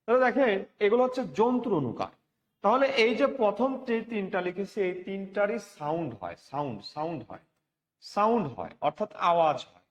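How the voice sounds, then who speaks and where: Man teacher from Bangladesh, high voice, repeats himself and prompts students; dull, reverberant recording. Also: very animated, fairly quick. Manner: repetitive, asks students for responses. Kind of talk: online class lecture. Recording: dull lo-fi audio with long reverb.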